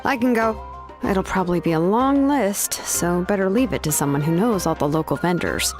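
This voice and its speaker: A woman's voice: lowish voice, animated, moderate pace, music in the background, close to an everyday voice. An actress playing a helpful, caring woman ally in a fantasy video game. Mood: concerned, helpful. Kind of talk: scripted video game dialogue.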